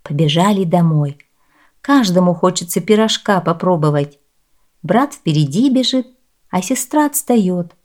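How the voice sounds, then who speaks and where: Woman storyteller, expressive and dramatic, for folk-tale narration. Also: fairly low pitch, measured pace. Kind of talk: scripted fairy-tale narration.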